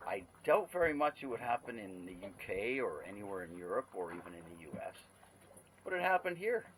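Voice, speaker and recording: A man's voice: on the low side, sing-song, brisk, a bit bright, a little hiss or hum, poor audio. A man telling casual, rambling stories with many fillers. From Canada. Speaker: podcast host. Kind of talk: casual storytelling.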